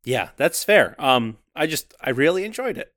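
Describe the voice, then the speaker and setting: Lively male podcast co-host, dryly recorded. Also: fairly high pitch, moderate pace, no room sound, clean studio sound. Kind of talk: casual, jokey movie podcast banter.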